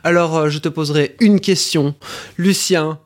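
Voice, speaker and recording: Lively man hosting a film podcast. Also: on the high side, moderate pace. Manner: lively, laughs between questions. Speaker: podcast host.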